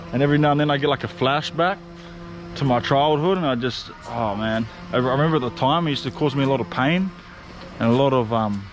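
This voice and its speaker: A young man telling stories in a casual, slangy vlog, swearing and laughing often. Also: medium pitch. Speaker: vlogger. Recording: faint background noise.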